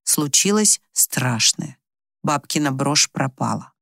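A woman reading a village story aloud in an even storytelling manner. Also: very deep voice, slow, creaky, no room sound, studio quality. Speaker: audiobook narrator. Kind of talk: scripted story narration.

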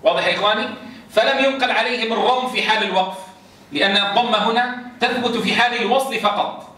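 A man's voice: sits high, fast talker, bright, forceful tone. A man teaching Quran recitation rules to a class, quizzing his students and chanting verse examples. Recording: roomy echo, distant mic.

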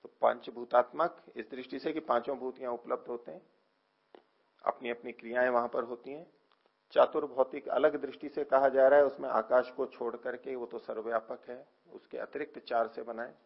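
Male teacher, gravelly husky voice, lecturing on scripture; poses and answers his own questions, lets phrase ends fade, dull lo-fi recording. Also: mid-range voice, fairly even intonation. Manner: explains slowly, asks and answers own questions; trails off softly at phrase ends. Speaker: teacher of philosophy.

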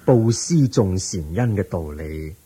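With a Hong Kong Cantonese accent, a man plays a calm, patient, wise teacher in a radio drama, speaking in a measured, gently instructive way. His low, husky voice is a full character voice.

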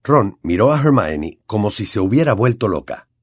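Expressive Latin American Spanish male narrator. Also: on the low side, normal speed, slightly rough, dry recording, studio quality. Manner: expressive storytelling delivery. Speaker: audiobook narrator. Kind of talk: scripted audiobook narration.

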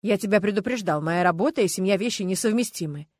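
A woman's voice: mid-range voice, lively intonation, fast talker, darkish tone, no echo, studio quality, close to an everyday voice. A woman voicing a curt, busy police officer boyfriend who talks firmly and dismissively.

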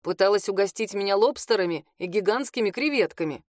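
A woman reading aloud, voicing a calm, matter-of-fact young man who is a policeman. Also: mid-range voice, fairly quick, no echo, clean studio sound, lightly acted.

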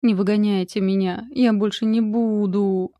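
A woman voicing a young ghost girl with a slightly husky, insolent voice. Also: medium pitch, a little slow, warm tone, no echo, natural voice. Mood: sobbing.

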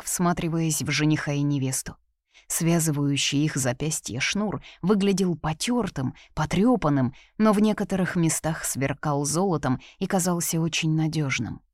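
A woman reading a fantasy audiobook as its narrator, in an expressive storytelling manner. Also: low-pitched, no room sound, clean studio sound. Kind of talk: scripted narration.

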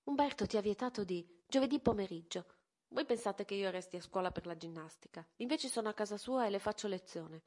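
Donna che interpreta figlia adolescente ribelle, parla di getto, voce né alta né bassa. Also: female voice, fairly quick, a little mellow, close to an everyday voice. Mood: earnest. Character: teenage girl, headstrong and defiant daughter.

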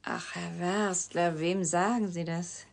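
In a German radio drama, an actress plays a reclusive, wounded young woman scientist who is guarded yet confiding. Her fairly low, creaky voice stays fairly even in intonation, breathy and deliberate, often sinking to a whisper.

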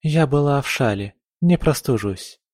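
A soft-spoken young noblewoman in an audiobook, voiced by a male narrator. She talks thoughtfully and gently. The sound is dry and close. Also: mid-range voice, expressive, a little slow, no room sound, close to an everyday voice. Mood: gentle.

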